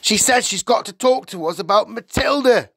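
Here is a male reader acting an ill-mannered storybook dad, impatient and gruff. His pitch jumps well above normal and swings about as he snaps curtly and brushes people off. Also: expressive, moderate pace, a bit bright, no room sound, clean studio sound, heavily acted. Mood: grudging. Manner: curt, snapping, dismissive. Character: gruff, rude, impatient middle-aged father.

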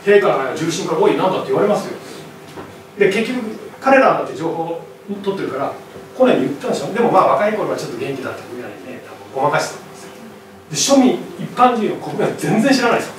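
A man delivers a public history lecture in a lively, conversational manner, peppering his talk with little tag questions to the audience. His voice sits a touch high for a man. He is picked up from a distance in a hall full of reverb, with a faint hiss underneath. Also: fast. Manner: animated, chatty, constant tag questions. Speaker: lecturer and author. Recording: very echoey hall, far from mic, faint noise.

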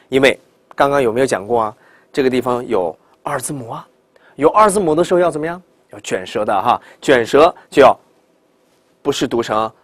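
A man teaching English pronunciation in Chinese, demonstrating words slowly and loudly and having students repeat after him. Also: mid-range voice, no room sound. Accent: Mandarin Chinese speaking English. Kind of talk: classroom lesson.

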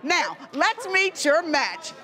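An American woman works as a dating show host in front of a live crowd. Her voice is high and swings widely as she stretches out names and announcements with emphasis. Music and audience noise sit behind her. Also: very animated, takes it slowly. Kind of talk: dating show hosting, addressing audience and contestants. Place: large TV studio with live audience. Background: music and audience applause.

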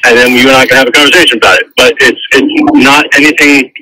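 A man's voice: medium pitch, steady tone, fast talker, sharp tone, slight background noise. A man talking on a phone call over his car's Bluetooth while driving, stammering and repeating words as he defends himself. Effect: phone call over a car Bluetooth line. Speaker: phone interviewee.

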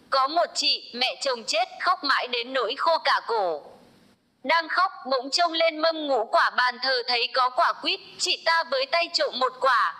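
A woman reading a string of short folk jokes aloud in an even, unhurried storybook manner. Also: sits high.

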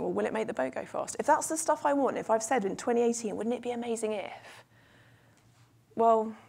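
A woman's voice: mid-range voice, creaky. Self-deprecating woman giving a funny keynote. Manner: self-deprecating and lively, with comic asides. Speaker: keynote speaker and coach. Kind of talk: humorous keynote speech. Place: large conference room with a seated audience. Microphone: lapel mic.

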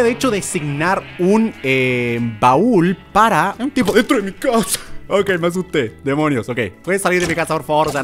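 A young man, commenting on his Minecraft play, muttering to the mobs and bursting out in excitement. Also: medium pitch. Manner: excitable, talks to mobs, swings between mutters and outbursts. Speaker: gaming YouTuber.

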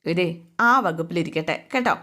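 A firm older mother-in-law, as a woman narrator puts her on lectures the young wife in a higher, brisker voice. Her scolding turns into motherly fussing. It is told as part of a spoken retelling of a serial. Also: bright, forceful tone. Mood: reassuring.

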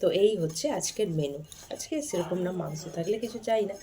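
A woman's voice: lowish voice, brisk, dark tone, slight background noise. A woman, narrating a casual daily-life vlog from her home kitchen and chatting viewers through her chores.

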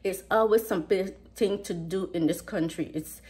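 In her home kitchen, a middle-aged woman with a US Virgin Islands Caribbean accent hosts a casual vlog, chatting to camera at normal speed in a mid-range, darkish voice. She's emphatic and tends to repeat her phrases.

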